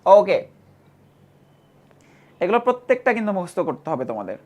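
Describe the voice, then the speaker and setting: A woman's voice: lowish voice, very animated, darkish tone. Woman teacher drilling a class. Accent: Bangladeshi Bengali. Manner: drills students by repeating facts and asking quick questions. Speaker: chemistry teacher. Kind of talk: classroom lecture.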